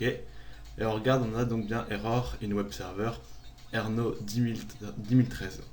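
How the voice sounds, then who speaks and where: A man narrating a screen-recorded software tutorial, calmly walking through each click step by step. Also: mid-range voice. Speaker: tutorial maker.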